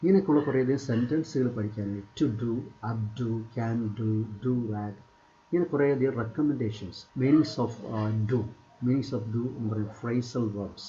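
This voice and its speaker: Man with a dark, muffled voice. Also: medium pitch, takes it slowly, a little hiss or hum. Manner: repetitive, pointing out items on screen. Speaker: English teacher. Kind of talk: screen-share tutorial.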